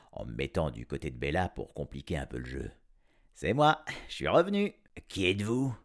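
A man narrating an audiobook in a playful, expressive first-person style. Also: low-pitched. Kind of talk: audiobook storytelling.

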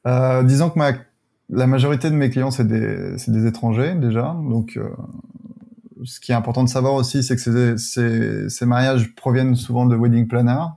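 A man being interviewed as a guest, explaining calmly with hesitations. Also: mid-range voice, normal speed, vocal fry. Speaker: wedding photographer guest. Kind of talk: casual interview chat.

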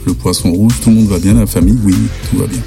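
A young man from France telling a spooky personal anecdote in lively, slangy casual speech. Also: lowish voice, fast, over music. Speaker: storyteller.

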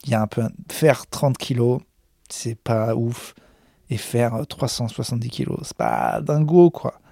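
A stand-up comedian rambling backstage in a self-mocking vlog monologue, full of hesitations, into a handheld recorder. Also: male voice, medium pitch, very animated, measured pace, creaky, mellow, no room sound, studio quality. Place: backstage room of a comedy club.

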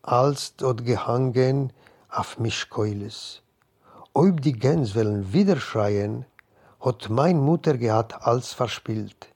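A man reading a literary story aloud in a measured, deliberate way. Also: mid-range voice, a little mellow. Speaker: narrator.

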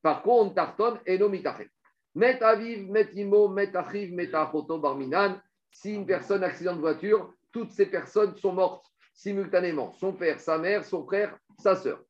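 A man teaching a Talmud lesson, explaining rapidly and animatedly while reading out Hebrew and Aramaic passages. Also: sits high. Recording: dull lo-fi recording.

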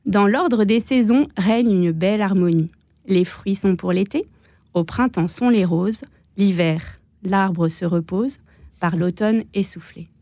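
A woman's voice: mid-range voice, no echo. Woman reciting a poem, dry studio. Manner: gentle, measured reading. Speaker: guest, painter. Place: radio studio.

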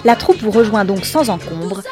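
A woman's voice: mid-range voice, lively intonation, moderate pace, music in the background. A woman reading a scripted second-person story with wry, ironic asides and a few slangy touches. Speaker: narrator.

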